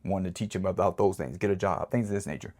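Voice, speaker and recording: A man's voice: sits low, quick pace, darkish tone. A man hosting his own channel, giving a rambling, casual motivational talk and often checking in with the listener. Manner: rambling, repeatedly asks "right?". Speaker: channel host.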